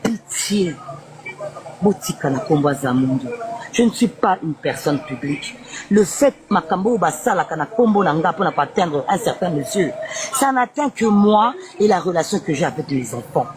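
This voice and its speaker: During a live interview, a woman guest speaks with pleading insistence and strong emotion, switching between French and Lingala. Her voice is fairly low, and the recording quality is poor.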